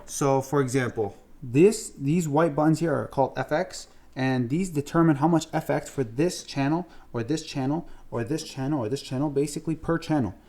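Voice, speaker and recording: The voice is a man's, a little high yet dark in tone, delivered at a moderate pace with few pauses. He's an instructor giving a casual hands-on demo of audio gear, describing each step plainly and repeating the key ideas.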